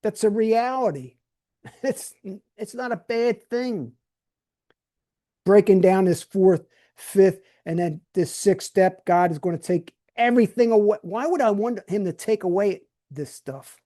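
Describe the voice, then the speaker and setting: This is a high, mellow male voice moving a little slowly. The older New Jersey man hosts a podcast alone, talking bluntly and casually, frequently starting words over.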